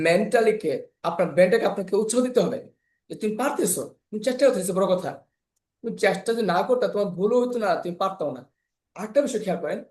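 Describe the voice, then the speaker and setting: A man's voice: high voice, a little mellow, echoey room. A man teaching an online spoken English class, lecturing in an encouraging, repetitive way with many examples. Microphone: video call.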